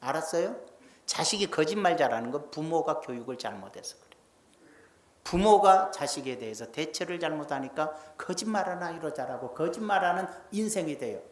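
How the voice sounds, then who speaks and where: Guy pastor preaching sunday sermon, voice jumps all over, big roomy church echo. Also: fairly high pitch. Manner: lively, folksy preaching that swings between loud and hushed. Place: church sanctuary.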